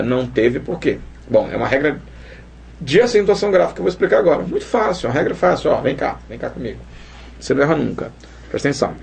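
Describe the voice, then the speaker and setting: A man teaching Portuguese grammar in a lively video lesson, playful and colloquial, talking straight to the viewer and acting out student questions. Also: medium pitch, vocal fry, slight background noise.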